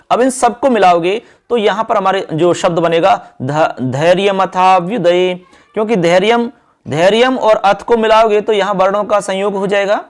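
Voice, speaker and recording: Calling his audience friends and children, a high-voiced man teaches a lesson geared toward exams. He slows down to chant verses.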